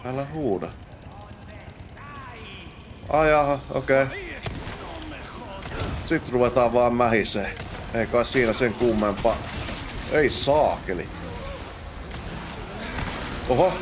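A young Finnish let's play host gives casual gameplay commentary, muttering to himself and bursting into exclamations during fights. His medium-pitched voice pauses often, and there is background noise.

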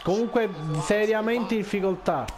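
A man giving casual gameplay commentary, muttering to himself and repeatedly urging calm as he plays. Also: high voice, normal speed, a crowd in the background.

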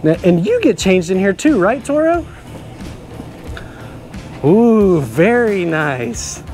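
A middle-aged man hosting a kids' show with bubbly, exclamatory energy. His pitch swoops widely up and down as he cheers and laughs. Soft music plays behind him. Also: big pitch swings, slow pace. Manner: enthusiastic, exclamatory, laughs often. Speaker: children's show host. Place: stadium locker room and football field.

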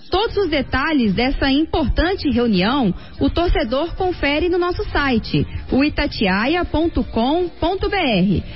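High-voiced Brazilian radio sports reporter. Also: female voice. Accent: Brazilian Portuguese. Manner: clear, briefing tone. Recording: dull radio broadcast with faint music.

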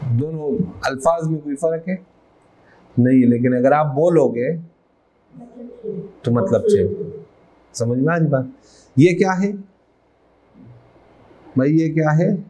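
A man's voice: on the high side, takes it slowly, pauses often, dark tone, low-quality recording. A middle-aged man with a Pakistani accent teaching an accounting class, reading out English legal text and quizzing his students as he goes. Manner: mixes English legal text into Urdu explanation, asks students questions. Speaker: accounting lecturer. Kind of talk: classroom lecture.

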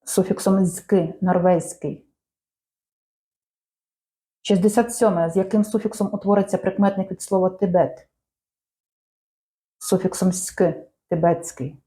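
A woman reading out language quiz questions and answers in a measured, clear teaching manner. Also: mid-range voice, fairly even intonation, warm tone. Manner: measured, clear dictation-like delivery.

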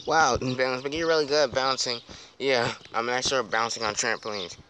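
A young man with a middle-pitched voice improvises slangy, playful conversations between plush toys. He talks casually, as in a homemade backyard video. The handheld outdoor recording has clear noise behind the voice. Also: fairly even intonation, brisk, sharp tone. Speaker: puppeteer voicing plush toys. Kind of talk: improvised plush toy play dialogue. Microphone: handheld phone or camera close by.

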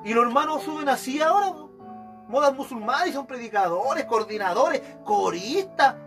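A man's voice: very high voice, normal speed, soft background music. A man with a Chilean accent preaching an evangelical sermon, acting out examples of churchgoers as he goes. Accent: Chilean Spanish. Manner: animated, acts out examples of church members.

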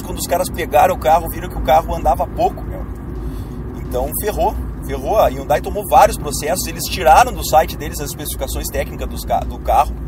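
A young YouTuber with a gaucho accent from Rio Grande do Sul in southern Brazil drives through city traffic, chatting straight to his viewers. His voice sits on the high side and is a bit hoarse from a cold. A dashboard-mounted camera records this casual vlog.

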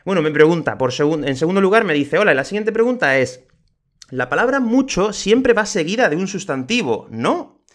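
A man who teaches Spanish and hosts a podcast runs a grammar lesson for learners from home, moving out to his terrace. His voice sits a little high and swings widely in pitch. He slows right down for each example sentence, delivering it clearly and leaning hard on the key words with lively emphasis.

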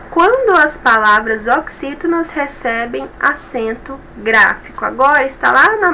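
Bright-voiced Brazilian woman teacher. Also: on the high side, a little hiss or hum, rough recording. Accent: Brazilian Portuguese. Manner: patient, explanatory, checks in with tags like "certo?" and "tá bom?". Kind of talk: online class review lesson.

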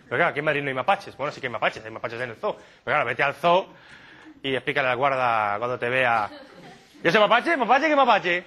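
A man from doing a stand-up comedy monologue, telling absurd stories in a deadpan way and slipping into quick silly impressions. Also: mid-range voice. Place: comedy stage before a live audience.

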